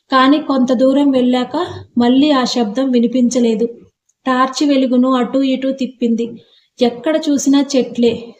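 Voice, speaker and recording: A woman narrating a scripted horror story in a measured, suspenseful reading. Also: high-pitched, warm tone, slight background noise.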